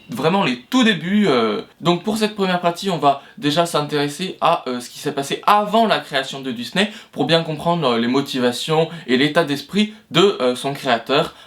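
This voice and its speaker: A man with a fairly high voice walks the listener through history in a loose, chatty way, with plenty of filler words. He restarts sentences often and drops in self-mocking jokes. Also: fairly bright tone. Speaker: video host. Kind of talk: casual explainer narration.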